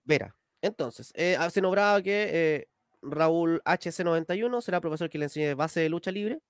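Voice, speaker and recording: A man's voice: on the high side, expressive, normal speed, clear, resonant tone, no room sound, studio quality. A man co-hosting a casual podcast, making an emphatic, indignant complaint. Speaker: podcast co-host.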